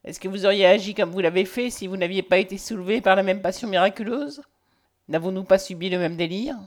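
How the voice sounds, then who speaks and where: A woman's voice: mid-range voice, a little fast, close to an everyday voice. A woman playing a passionate, domineering man in a storybook reading, close to the reader's own voice. He speaks with urgent, commanding ardour, pressing every question. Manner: impassioned, commanding. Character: ardent, domineering man declaring his love.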